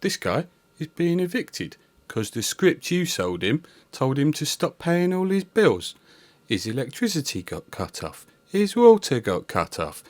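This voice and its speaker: A man's voice: on the high side, sing-song, unhurried, no echo, pitched above the performer's own voice. A man playing a sardonic, mocking ghost of the present in a comedy sketch. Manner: mocking, dry commentary.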